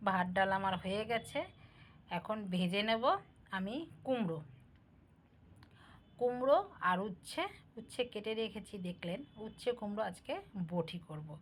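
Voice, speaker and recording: A woman's voice: medium pitch, moderate pace, pauses often. Middle-aged woman vlogger, homely cooking chatter, talks straight to viewers, faint household noise behind. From Bangal family, East Bengal roots. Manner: homely, talks directly to viewers, asks for comments. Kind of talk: casual chatty narration while cooking.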